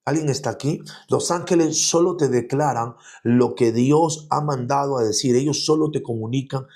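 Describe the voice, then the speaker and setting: A man's voice: mid-range voice, normal speed, a little mellow. Emphatic male preacher teaching online. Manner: keeps asking the audience rhetorical questions; emphatic, repeats "escúchame bien". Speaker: apostle and preacher.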